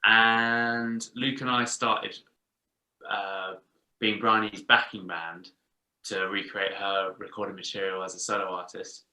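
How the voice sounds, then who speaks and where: A man from England answers interview questions about his band, unhurried and easygoing. His speech is slow and drawn out, with a bright, forward edge. The voice sits in a noticeably echoey room. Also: on the low side, flat delivery. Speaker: band member. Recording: roomy echo.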